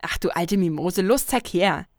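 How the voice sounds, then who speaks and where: A woman voicing a brash, teasing young female friend who talks loudly and cheekily. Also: fairly low pitch, animated, moderate pace, no echo, clean studio sound, lightly acted. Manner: loud, bubbly and cheeky.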